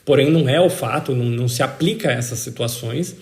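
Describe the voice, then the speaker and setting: Speaking at a quick pace with a medium-pitched, darkish voice, a Brazilian-accented man explains the law as an interviewed citizenship expert. His delivery is emphatic and instructive, repeating key points for stress, and the recording has a roomy echo.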